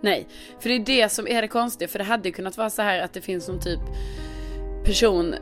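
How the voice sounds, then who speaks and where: A woman in casual chat, responsive and quick when explaining. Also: mid-range voice, soft background music.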